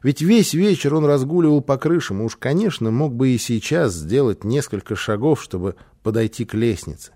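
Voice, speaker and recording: A man reading a children's story aloud, with an expressive, animated delivery. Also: medium pitch, normal speed, few pauses. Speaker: narrator.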